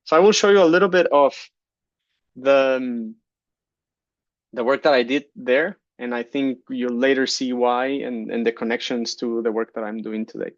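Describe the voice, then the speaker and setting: A man in his thirties from Guatemala, giving a conference keynote talk, relaxed, with many fillers and restarts. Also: mid-range voice, moderate pace, dry recording, dull audio. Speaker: keynote speaker, geologist. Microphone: computer mic on a video call.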